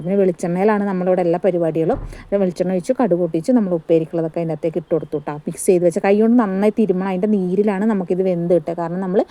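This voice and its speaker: A woman's voice: fairly low pitch, warm tone. A woman with a Malayali accent chatting casually through her home cooking vlog, recorded on a phone set on a stand in her kitchen. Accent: Malayali, Kerala. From India. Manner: chatty, homely, often tags "kettō". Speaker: family vlogger. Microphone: phone front camera on a stand, some distance away.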